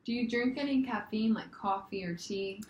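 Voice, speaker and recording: A woman's voice: mid-range voice, normal speed, darkish tone, highs cut off. A young woman interviewing a patient in a mock nurse intake, working through checklist questions and answering with a repeated "very nice". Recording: echoey room, faint noise.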